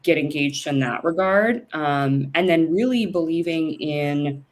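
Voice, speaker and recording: A low-pitched woman speaks as the guest on a video call interview. She talks chattily in an easy, conversational flow, with plenty of fillers and restarts along the way. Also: a little slow. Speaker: company president, guest.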